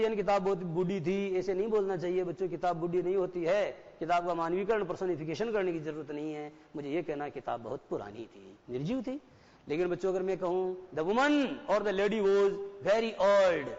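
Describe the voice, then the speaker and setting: A man in his forties with a high-pitched, darkish voice teaches a classroom lecture at a moderate pace, mixing Hindi and English. He explains things step by step and keeps asking his students questions. The audio is dull, like a broadcast, with long reverb.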